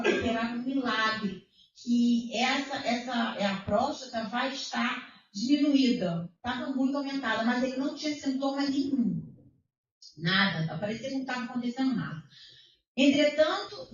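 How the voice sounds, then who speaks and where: A middle-aged woman testifies before her congregation, her voice sitting a little high and animated as she retells conversations. She sounds distant from the microphone, washed in heavy church-hall echo. The recording has a dull, muffled tone. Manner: emotional, retells dialogue, exclaims praise. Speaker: church member giving testimony.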